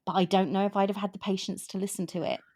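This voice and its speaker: A woman's voice: medium pitch, flat delivery, fast, darkish tone. A woman in her fifties hosting a book podcast, talking in a rambling way with frequent restarts. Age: 50s. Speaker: podcast host. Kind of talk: casual book chat.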